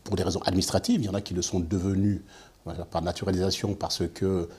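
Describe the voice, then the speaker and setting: A man with a husky, somewhat low voice, speaking as an interview guest. He talks in a measured way, pausing on fillers and repeating words before he goes on. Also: flat delivery, a little mellow. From France. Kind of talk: measured discussion.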